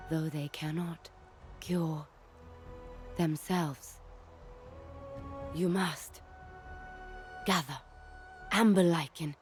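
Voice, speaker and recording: In a video game cutscene, a woman with a low voice plays a gentle, ancient tree-spirit healer. She sounds solemn and patient, speaking in halting, deliberate, oddly formal phrases.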